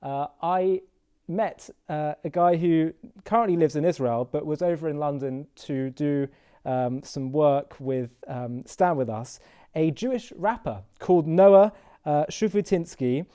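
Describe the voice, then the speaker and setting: A man's voice: on the high side, a little slow, mellow, clean tone. A man hosting an interview, speaking casually and hesitantly with many fillers and restarts. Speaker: interview host.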